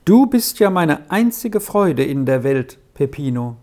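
A gentle, loving mother in a storybook reading, voiced by the narrator. She speaks slowly and softly, in a calm and reassuring way. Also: mid-range voice. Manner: soft, reassuring. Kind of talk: audiobook reading.

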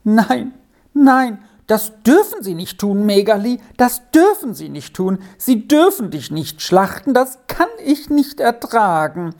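A woman's voice: extremely low pitch, very animated, a little slow, hardly any pauses, a little mellow, husky, heavily acted. A woman voicing a tender-hearted young goatherd boy in a storybook reading, talking in an earnest, pleading, childlike way.

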